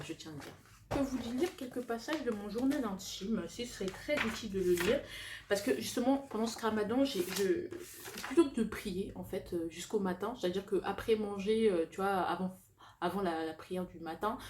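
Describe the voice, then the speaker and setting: A young woman talks to her viewers in a casual, confessional way, at a middling pitch. Her s sounds come out slushy with a lisp. She is animated yet halting, often correcting herself and slipping in slang and English words. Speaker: vlogger.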